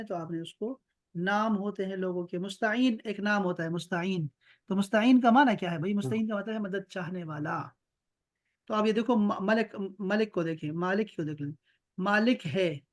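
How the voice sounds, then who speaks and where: A man with an Urdu accent leads an online grammar lesson. He explains patiently and slows right down to chant verb forms one by one. He often stops to check that his student understands. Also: high voice. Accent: Pakistani Urdu. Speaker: Arabic grammar teacher.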